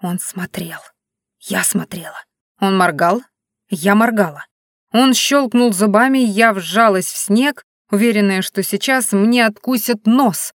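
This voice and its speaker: A woman narrating a first-person story in a wry, expressive way. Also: mid-range voice, measured pace, no room sound, clean studio sound. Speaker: audiobook narrator.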